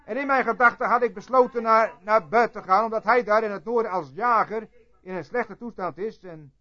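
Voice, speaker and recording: A preacher with a high voice tells a story to his congregation. He jumps from loud cries to quiet asides. The tape sounds dull and lo-fi. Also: a little fast. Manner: storytelling preacher, swinging between loud outbursts and hushed asides. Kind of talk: sermon.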